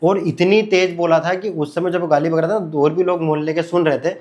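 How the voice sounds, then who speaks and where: A man's voice: a little high, fairly even intonation, brisk, darkish tone, dull audio. A man casually telling a personal story, repeating his phrases and speaking conversationally with fillers.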